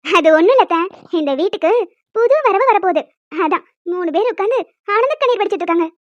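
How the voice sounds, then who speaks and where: A woman's voice: extremely high pitch, animated, fast, dry recording. Woman putting on a cheeky, teasing younger sister. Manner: playful, teasing. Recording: dry, dull lo-fi audio, faint music.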